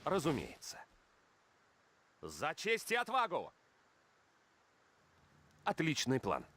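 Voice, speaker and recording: A fairly high male voice plays a noble young paladin prince in a game. He declaims proudly and confidently, with very animated intonation. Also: takes it slowly, husky, heavily acted. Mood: proud, resolute. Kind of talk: heroic video game character lines.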